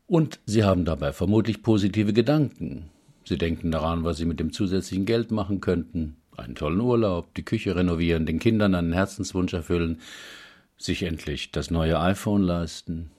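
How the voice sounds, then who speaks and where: A man calmly reading a self-help text aloud in a measured, explaining manner. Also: sits low.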